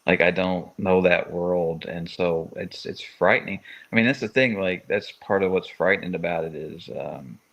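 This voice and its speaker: A Louisville, Kentucky man in his forties co-hosts a podcast, rambling through a casual live-stream chat with stop-start phrasing and many restarts. His low voice is creaky and a bit bright, moving at a moderate pace with few pauses, and the audio sounds dull.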